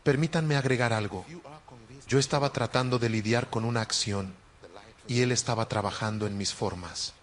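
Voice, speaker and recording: A man's voice: mid-range voice, moderate pace. A man preaching a sermon, telling a personal testimony in an earnest, storytelling way.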